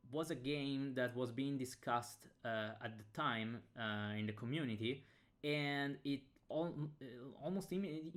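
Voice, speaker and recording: An Italian game designer, a native Italian speaker with an Italian accent, reviews a game through a casual unboxing on webcam. His mid-range, fairly bright voice is hesitant, with many pauses, fillers and restarts.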